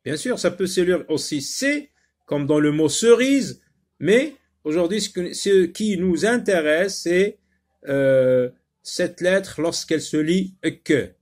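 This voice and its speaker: A man gives a slow phonics lesson to young learners, sounding out each word again and again. His voice sits a little on the high side, and he takes his time with frequent pauses and fillers. He stays patient and repetitive throughout. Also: animated, darkish tone. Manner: slow, patient, repeats words syllable by syllable with many fillers. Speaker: teacher.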